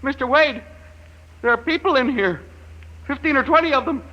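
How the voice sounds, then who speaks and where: A man's voice: very high-pitched, expressive, moderate pace, dull audio. An actor playing a trapped middle-aged man, frightened and stammering, in a 1950s radio drama. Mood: bewildered, anxious. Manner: stammering, panicked. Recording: vintage radio recording with music.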